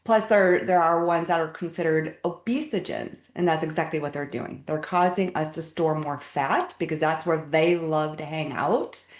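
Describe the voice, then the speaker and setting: A middle-aged woman guest who explains health topics step by step in a relaxed, casual way, often repeating words as she goes. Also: low voice, moderate pace, hardly any pauses. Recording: echoey room.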